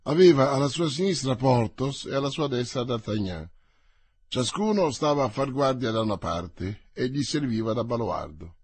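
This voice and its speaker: A man reads a novel aloud with measured, theatrical narration. His voice is husky and mid-pitched. The sound is dry and close, with no room around it. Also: expressive, a little mellow, no echo. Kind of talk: audiobook reading for radio.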